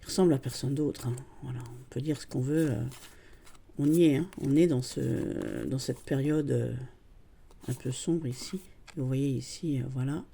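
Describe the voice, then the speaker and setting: A woman's voice: a bass voice, moderate pace, vocal fry, mellow, breathy edge. A middle-aged woman in casual show-and-tell chat, gushing and chatty about the cards she shows, with constant little fillers. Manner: gushing, chatty, full of "voilà" and "hein". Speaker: card-deck collector vlogger.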